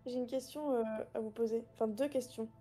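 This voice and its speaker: A woman's voice: fairly high pitch, steady tone, a little fast, warm tone. A woman chatting casually as a player in a tabletop role-playing game. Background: background music.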